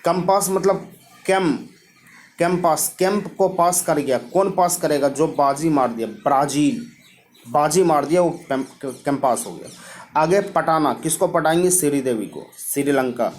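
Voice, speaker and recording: Male teacher, slightly high voice, drills facts through repeated self-quizzing. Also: unhurried, a little hiss or hum. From Bihar, India. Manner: repetitive, quizzing himself with questions and answers. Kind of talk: mnemonic geography lesson.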